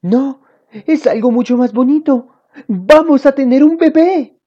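A woman reading aloud, voicing a gentle, cheerful young mother in a children's storybook with a sweet, sing-song manner. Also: high voice, expressive, a little slow, pitched above the performer's own voice. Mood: joyful. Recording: dull lo-fi audio.

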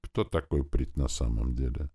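A man's voice: a bass voice, normal speed, dark tone, slightly rough, pitched below the performer's own voice, heavily acted. A man voicing a ruthless warrior prince who speaks in a hard, cold, menacing way. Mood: cold menace.

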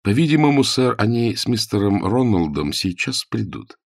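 A man's voice: lowish voice, sing-song, moderate pace, vocal fry, no echo, studio quality, voice pushed up. A man voicing a sedate, deferential male butler in an audiobook. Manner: quiet, restrained, deferential.

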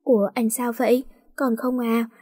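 Audio-story wife: young, pouting, playful, husky, mellow, voiced by the female narrator. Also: on the high side, little pitch movement, normal speed, no echo, studio quality. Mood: casual. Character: young wife, teasing and sulky.

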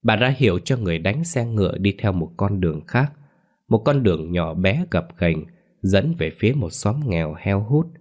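A man narrating a scripted horror story in a measured, ominous way. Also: low voice, darkish tone.

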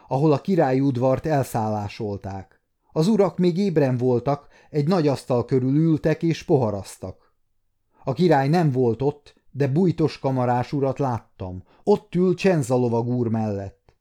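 A man's voice: mid-range voice, expressive, warm tone, natural voice. A man reading the part of a shaken young servant, reporting in an agitated, urgent way.

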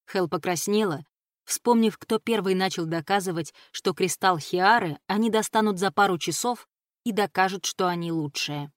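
Female audiobook narrator, fantasy novel, steady and expressive, mid-pitched, dry sound. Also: normal speed, dry recording.

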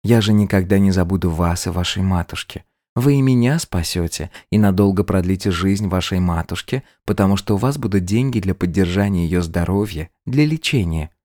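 A man's voice: normal speed, no room sound, studio quality, natural voice. A man doing a coaxing, scheming young wife. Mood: pleading. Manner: coaxing, insistent, soft high voice.

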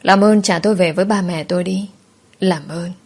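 A woman's voice: on the low side, normal speed, a little mellow, slightly rough. A woman voicing a frightened little child who pleads tearfully for her parents in a story. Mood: pleading.

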